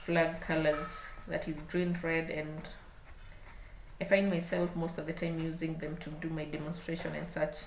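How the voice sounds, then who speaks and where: A woman with a Kenyan accent giving an unscripted hands-on craft demonstration, speaking haltingly and repeating words as she works. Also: deep voice, level tone. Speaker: craft tutorial host. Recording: echoey room, clear background noise.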